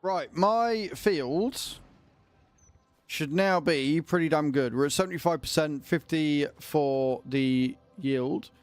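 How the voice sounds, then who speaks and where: Chatty male streamer, slightly high voice, music behind. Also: takes it slowly, dry recording. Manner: informal, chatty, addressing viewers. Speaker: livestreamer, gamer. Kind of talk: casual livestream chat and game commentary.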